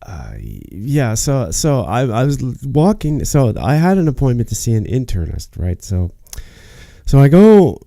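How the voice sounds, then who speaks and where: A man rambles on to camera, frustrated and cursing, stopping and restarting his sentences with plenty of fillers. His voice is very dark and mellow. The recording is close and dry. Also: mid-range voice, wildly swooping pitch, vocal fry, no room sound. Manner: frustrated, swearing, halting with many fillers and restarts. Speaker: vlogger.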